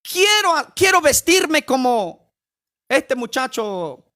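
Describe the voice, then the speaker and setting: Brief: eager starstruck young man, put on by a preacher, high voice, pleading. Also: big pitch swings, slow pace, pushed and bright, heavily acted. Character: starstruck young man wanting to copy idols.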